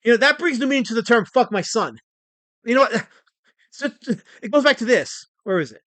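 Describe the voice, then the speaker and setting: A man in his forties hosting a casual livestream, excitable and rambling as he reads chat messages aloud. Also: extremely high pitch, brisk, no room sound. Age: 40s. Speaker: livestream host.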